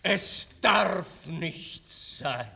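A man plays a proud count in a stage melodrama. He declaims slowly and stiffly in a bright, forceful, aristocratic voice. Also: a little high, lively intonation, creaky, slight background noise, exaggerated voice. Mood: despairing. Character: proud, cold aristocratic count, shaken by guilt.

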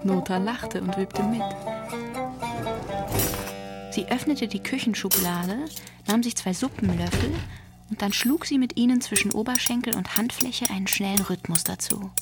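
A woman reading an audiobook story in a calm, even storytelling manner. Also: medium pitch, normal speed, loud music behind the voice. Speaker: narrator. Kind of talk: audiobook narration.

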